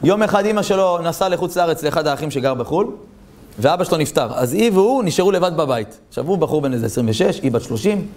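A male rabbi giving an animated Torah talk, telling stories and asking his listeners rhetorical questions. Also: on the high side.

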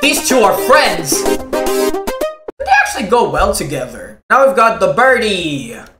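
An excitable host rambles through casual game reaction commentary, the voice swinging widely in pitch. The room rings with echo. Faint game music plays underneath. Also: unhurried. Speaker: mod reaction video host.

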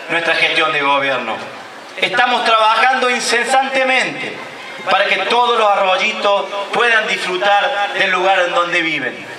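A man's voice: high-pitched, background noise. A man in his thirties with an Argentine accent, a mayor reading a formal speech at an outdoor ceremony. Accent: Argentine Spanish. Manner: declamatory, reading a prepared speech. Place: outdoor covered stage at a public ceremony. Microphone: stand mic at a lectern. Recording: echoey outdoor PA sound from far off.

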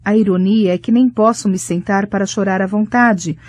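Woman narrating a romance audiobook softly. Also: mid-range voice, steady tone, moderate pace, no room sound. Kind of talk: first-person audiobook narration.

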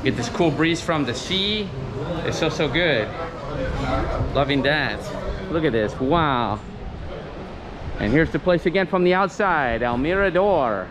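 A man in his thirties talks into a handheld camera at arm's length, gushing with enthusiasm as he vlogs. His voice sits a little high for a man. Loud chatter from a busy crowd fills the background. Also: expressive, a little slow, long pauses. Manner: enthusiastic, says wow a lot. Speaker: travel vlogger. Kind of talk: casual travel vlog. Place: seaside restaurant and promenade, indoors and out. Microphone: handheld action camera at arm's length.

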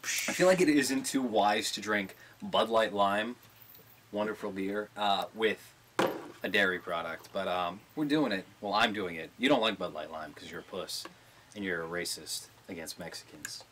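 A man's voice: lowish voice, moderate pace, fairly bright tone. Drunk young man hosting, noisy background. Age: 20s. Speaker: comedy podcast host. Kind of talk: irreverent casual chat. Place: small indoor studio with green backdrop. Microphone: large desktop studio microphone.

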